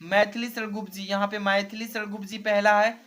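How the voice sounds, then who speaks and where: A man's voice: high voice, level tone, fairly quick, fairly bright tone. A male teacher explaining an exam model paper step by step and often checking in with his students. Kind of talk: exam revision lesson.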